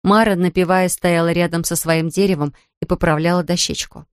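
A woman reading a children's storybook aloud in a calm, even manner. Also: lowish voice, a little fast, clear, resonant tone, dry recording, clean studio sound. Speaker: narrator.

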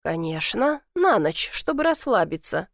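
A woman reading the lines of a mocking, self-assured young man in an audiobook, with a dry, teasing, deadpan delivery. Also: medium pitch, measured pace, gravelly, no room sound, full character voice.

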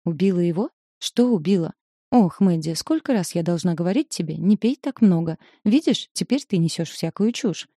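A woman's voice: fairly low pitch, animated, normal speed, dark tone, no room sound, studio quality. A woman reading the part of a fussy, chattering middle-aged mother who scolds and frets, in an audiobook. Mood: scolding. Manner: scolding, fretful, theatrical. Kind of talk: audiobook character voice.

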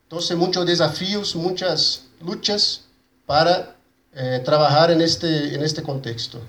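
Man, Brazilian Portuguese accent, slightly high voice, halting Spanish-Portuguese mix, conference speaker, echoey room. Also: steady tone, fairly bright tone. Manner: mixes Spanish with Portuguese words and forms (portuñol). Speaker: conference speaker for an agroecology movement. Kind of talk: conference presentation. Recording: roomy echo, faint background noise.

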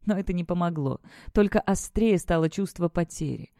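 This is a steady, measured audiobook narrator with a mellow, dark tone. The mic is close and dry. Each line is read with even control. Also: medium pitch, dry recording.

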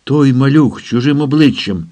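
A man's voice: mid-range voice, normal speed, warm tone, pitched above the performer's own voice, close to an everyday voice. A man reading an audiobook, voicing a young American man answering over a radio in a dazed, trailing way. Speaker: character in an audiobook.

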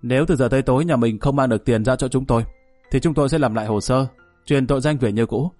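A man's voice: mid-range voice, fast talker, darkish tone, no room sound, faint music behind, natural voice. A man voicing a crude, evasive male caller who pressures a family for money in a curt, pushy manner.

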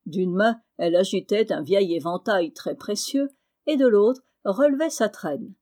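A woman narrating a classic novel as an audiobook reader, calm and measured. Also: medium pitch. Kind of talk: scripted narration.

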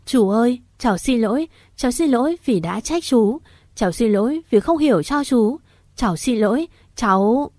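A woman's voice: a little high, expressive, moderate pace, darkish tone, dry recording, clean studio sound. A woman voicing a grieving young woman who pleads with her uncle through sobs. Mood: tearful, pleading. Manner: sobbing, pleading questions.

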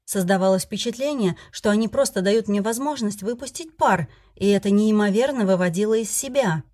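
A woman reading a first-person romance novel aloud as the audiobook narrator, with a lively, expressive delivery. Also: medium pitch, a little fast.

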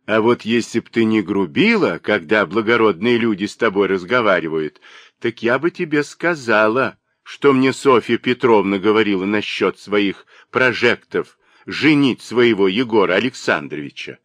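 A man doing a shrill, mocking old spinster. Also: animated, moderate pace, a bit bright, dry recording. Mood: spiteful. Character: spiteful gossiping old spinster woman.

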